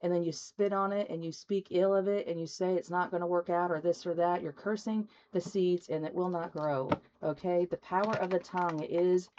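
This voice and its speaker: A woman's voice: lowish voice, highs cut off, noisy background. A woman giving a rambling, folksy spiritual tarot reading to her viewers. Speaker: tarot reader. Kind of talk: casual spoken tarot reading.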